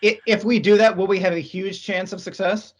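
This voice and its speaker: A man's voice: high voice, steady tone, a little fast. A man leading an online team meeting, reading aloud with amused asides and easy chuckles. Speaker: team lead presenting to colleagues. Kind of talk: casual work meeting chat. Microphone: video call.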